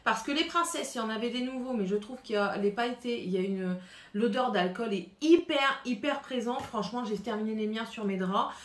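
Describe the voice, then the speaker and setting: A woman's voice: on the high side, fairly quick. A French-accented woman vlogging at home, chatting casually through a shopping haul, rambling with many fillers and restarts. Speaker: beauty vlogger. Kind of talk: casual haul chat to camera. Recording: echoey room, faint noise.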